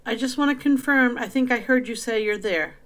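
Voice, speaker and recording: A woman's voice: a little high, fairly quick, fairly bright tone. A middle-aged woman hosting a spirit box session in a casual, direct, questioning way. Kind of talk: casual vlog intro and slow questioning of a spirit.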